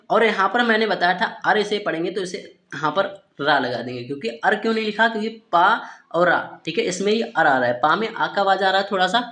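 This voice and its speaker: A man's voice: high voice, a bit bright. A man teaching Hindi speakers to read English words, spelling them out letter by letter and asking questions he then answers himself. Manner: repeats "ठीक है" and asks-then-answers questions. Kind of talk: phonics lesson for Hindi speakers. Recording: roomy echo.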